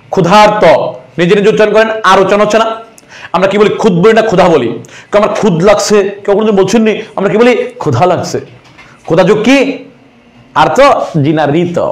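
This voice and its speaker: Teasing high-voiced man teaching grammar. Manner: rhetorical questions, answers them himself, teasing. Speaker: exam prep teacher. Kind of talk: online grammar class.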